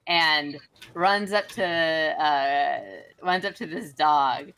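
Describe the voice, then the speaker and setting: A woman's voice: low-pitched, very slow, a bit bright, clear, resonant tone. A woman narrating as game master, chatty and giggly with lots of filler words.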